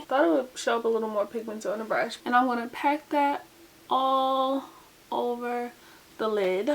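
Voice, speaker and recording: A young beauty vlogger chats casually at home while doing a makeup tutorial, sitting close to the camera. Her fairly high-pitched voice sounds dry and groggy, and she says "like" and "um" a lot.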